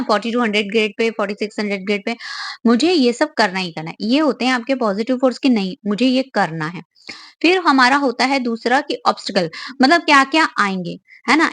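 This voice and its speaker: A woman's voice: fairly high pitch, a bit bright, no room sound. A young adult woman, giving an online exam-prep lecture, explaining step by step and asking and answering her own questions.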